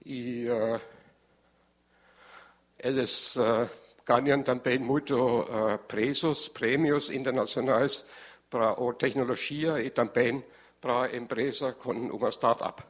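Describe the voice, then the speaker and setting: Slow, halting man with a German accent. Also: medium pitch, steady tone. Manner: halting, searching for words in non-fluent Portuguese. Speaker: presenter. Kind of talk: formal presentation.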